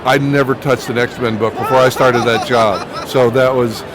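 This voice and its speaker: A middle-aged or older man, a TV writer and producer, is interviewed at a busy comic convention with a crowd behind him. His mid-range voice moves at a moderate pace with fairly even intonation as he tells casual anecdotes, often restarting his phrases. The recording is noisy and sounds outdoors, with a traffic-like din.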